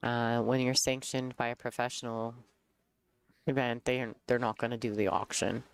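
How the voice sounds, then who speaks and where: A woman giving casual commentary on a pool match, chatty and quick to laugh as she tells stories. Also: rumbling low, steady tone, vocal fry, clean tone. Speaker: color commentator. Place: pool hall commentary booth.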